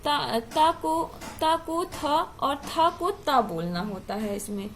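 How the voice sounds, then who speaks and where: Woman teacher, high voice, talks slow and repeats stuff, bit of background hiss. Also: big pitch swings. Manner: slow, repeats and corrects her phrasing while explaining. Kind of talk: online class lecture.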